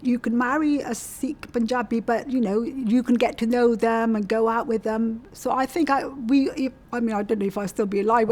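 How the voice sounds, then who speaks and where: An English woman in her 60s from South West England speaks in a slightly high voice. She is a community storytelling interviewee, casually reminiscing about her life during an interview.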